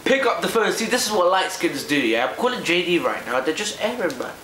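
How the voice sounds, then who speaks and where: Young man, London accent, higher-pitched, cheeky prank caller, casual slang, roomy noisy indoor recording. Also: big pitch swings, brisk, a bit bright. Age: young adult. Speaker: prank caller and video host. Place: living room, indoors. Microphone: camera a short distance away. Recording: roomy living room with background noise.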